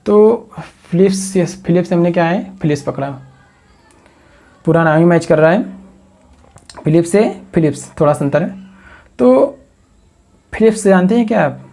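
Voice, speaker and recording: A man's voice: high voice, moderate pace, creaky, long pauses, dark tone. A man teaching an exam coaching lecture, asking the class questions and answering them himself while building memory tricks from words.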